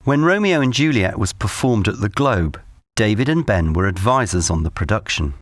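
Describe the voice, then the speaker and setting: A man's voice: fairly low pitch, expressive, moderate pace, no echo, clean studio sound. A man reading scripted documentary narration as the narrator.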